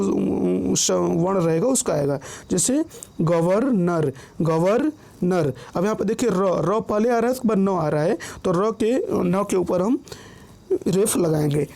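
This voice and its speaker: Male teacher, patient and repetitive, warm gravelly voice, keeps checking in with viewers. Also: sits high. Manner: patient, repeats each word and rule slowly; often checks in with listeners. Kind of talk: online grammar lesson.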